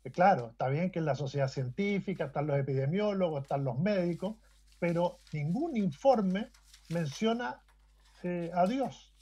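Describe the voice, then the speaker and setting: A man's voice: high voice, lively intonation, normal speed, dark tone, slightly rough. A man hosting a panel discussion, arguing his point and cutting in on others. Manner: argumentative, interjecting. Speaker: host.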